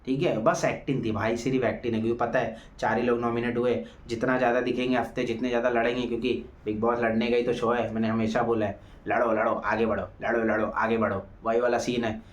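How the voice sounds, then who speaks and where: A man's voice: mid-range voice, flat delivery, fast. Male show reviewer, heated and mocking, talks to viewers, echoey room. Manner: heated, mocking, addresses viewers as guys and friends. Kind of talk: opinionated show review commentary.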